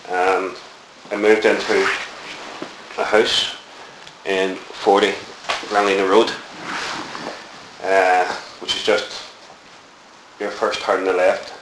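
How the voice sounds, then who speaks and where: In an oral history interview, a middle-aged Belfast man from Northern Ireland looks back on his childhood, rambling and reflective with plenty of fillers. His voice sits low, with little pitch movement and a slow pace. The room is echoey, with a faint hiss.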